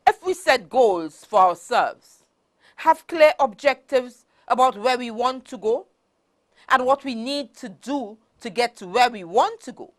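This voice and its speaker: A woman giving a prepared motivational speech in deliberate, formal phrasing, with R's that come out like W's. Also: high-pitched, fairly bright tone. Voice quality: cannot pronounce R's properly, says w-like sound for r. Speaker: motivational speaker.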